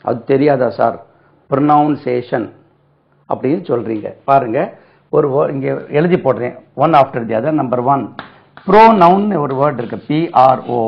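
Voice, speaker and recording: A man with a Tamil accent teaching spoken English in a classroom lesson, spelling words letter by letter and repeating them slowly. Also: mid-range voice, gravelly. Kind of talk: classroom lesson explaining pronunciation. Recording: dull lo-fi lesson recording.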